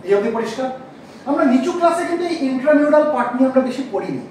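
A man teaching a class, asking questions and slowly repeating key terms. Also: very high-pitched, animated, darkish tone, a little hiss or hum. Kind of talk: classroom lecture. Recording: echoey room, mic far off.

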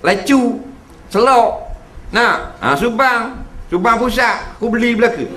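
A man's voice: very high voice, expressive, measured pace, fairly bright tone. A man giving a humorous religious lecture to an audience. He keeps checking in with his listeners and acts out the voices he quotes. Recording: echoey hall recording.

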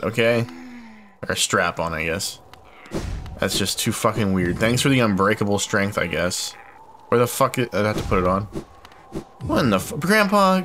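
A man giving casual, profane let's play commentary, full of exasperated comic rants. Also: fairly low pitch. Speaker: gamer playing through a game. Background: game music.

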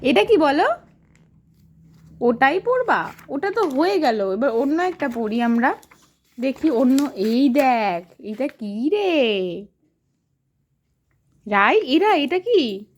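A mother's high, swooping voice coaxes her toddler through picture words. She talks slowly and patiently, asking sing-song questions and heaping on praise. It is a casual home video. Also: sing-song.

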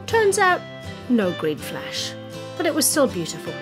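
A woman in her forties talks in a relaxed, chatty, plain-spoken way, her voice a touch high. She narrates a sailing vlog while loud music plays clearly behind her. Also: unhurried. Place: catamaran cockpit, outdoors.

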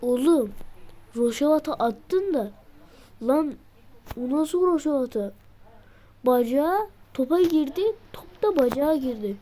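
A woman giving a casual gameplay tutorial, excitable and muttering and shouting at the game as she plays. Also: high voice, measured pace, long pauses. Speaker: gameplay video maker.

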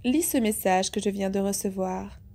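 A woman voicing a kindly middle-aged male detective who speaks calmly and affectionately to his daughter. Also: medium pitch, normal speed, natural voice. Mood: teasing.

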